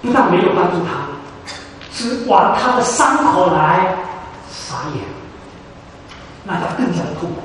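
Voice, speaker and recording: A man's voice: high voice, lively intonation, unhurried, pauses often, a bit bright, slight background noise. A man preaching a sermon, emphatic, repeating phrases for stress. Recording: echoey hall, voice from far off.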